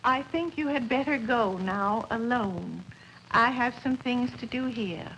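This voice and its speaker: A woman's voice: on the high side, a little slow, dull audio, background noise. An actress playing a weary, confused middle-aged wife and mother in a 1950s television drama, talking in a distracted way. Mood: firm.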